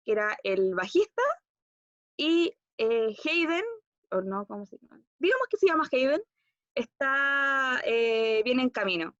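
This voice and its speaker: A young woman with a Chilean accent recounts a personal story as a monologue exercise. Her voice sits a bit high, and she keeps circling back with fillers and self-corrections. The recording is dry and a little muffled. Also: lively intonation, measured pace, fairly bright tone, dry recording. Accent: Chilean Spanish. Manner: rambling, hesitant storytelling with fillers and restarts. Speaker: acting student.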